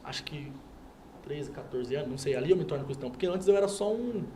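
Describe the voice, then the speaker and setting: A man's voice: on the high side, expressive, fast, warm tone, a little hiss or hum. A man, a guest on a TV talk show, telling a personal faith story and acting out everyone's lines. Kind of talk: animated personal testimony. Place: TV studio.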